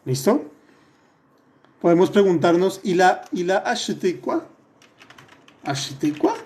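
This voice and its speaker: A man with a fairly high, mellow voice teaches French in a live online class. He talks patiently, keeps checking that everyone is following, and corrects his students one by one by name. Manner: patient, repeats and checks with "¿listo?"; addresses students by name, corrects their answers.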